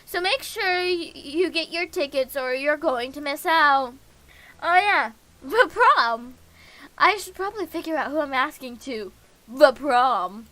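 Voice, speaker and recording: Streaming a visual novel, a woman voices all the characters and the narration on her own, often slipping and restarting. Her high voice is animated and sharp-toned, a little slow, with no room sound.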